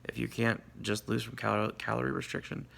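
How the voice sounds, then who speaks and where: A man's voice: mid-range voice, fairly even intonation, fairly quick, creaky, a bit bright. A man, groggy and sore after surgery, talking in a casual, candid video diary with salty, self-deprecating asides. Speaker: vlogger.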